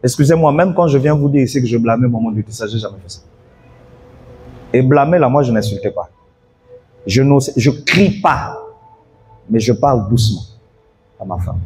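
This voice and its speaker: A man's voice: mid-range voice, lively intonation, moderate pace, long pauses, a little mellow, husky, faint music behind. Man preaching a story-led sermon. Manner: storytelling preacher, calls out to the congregation. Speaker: pastor.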